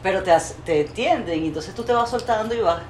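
A woman with a Venezuelan Spanish accent hosting an interview, animated and opinionated. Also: medium pitch, fairly quick, slight background noise. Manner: animated, opinionated, colorful speech. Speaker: interview host. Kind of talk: casual interview chat. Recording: roomy with faint ambience.

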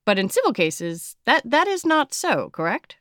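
A woman's voice: a little high, sing-song, moderate pace, fairly bright tone, dry recording, studio quality. A woman hosting a podcast, moving between scripted narration and interview questions. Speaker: podcast host.

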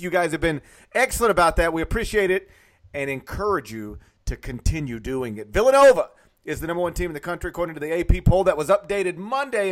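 A man hosts a sports podcast with a North Mississippi accent. His voice sits a bit high for a man, and he talks through the games as conversational commentary. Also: fairly bright tone. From Mississippi, United States.

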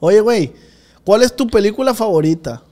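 A man's voice: high voice, lively intonation, moderate pace, warm tone. A man with a Sinaloa Mexican accent hosting a casual chat, prodding with teasing, slangy questions. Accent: Sinaloa Mexican Spanish. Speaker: host.

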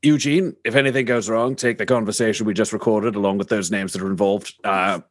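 A man's voice: fairly low pitch, fairly even intonation, fast, no room sound, clean studio sound. A man playing a tabletop game, giving commanding tactical plans in character. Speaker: player.

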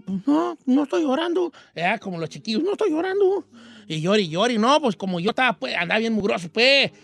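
A man's voice: high voice, fairly bright tone, full character voice. A man voicing an old Mexican rancher with a Mexican accent, hosting a radio show and telling a rambling, self-mocking comic story.

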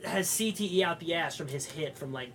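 A man's voice: fairly high pitch, brisk, a bit bright, a little hiss or hum. A man co-hosting a casual podcast, crude and joking. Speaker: podcast co-host. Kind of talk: casual chat.

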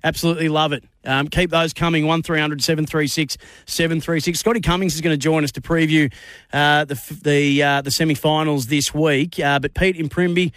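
Aussie bloke hosting footy talkback on radio, really dry close sound. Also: male voice, a little high, steady tone, a little fast, a bit bright, dry recording. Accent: Australian. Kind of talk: sports talkback presenting.

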